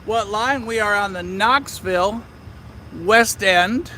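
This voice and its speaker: Man, high bright voice, slow easygoing delivery, casual live-stream chat outdoors, faint background noise. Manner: chatty, upbeat, talks straight to viewers. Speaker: railfan livestream host. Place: outdoors trackside in a small town downtown at night.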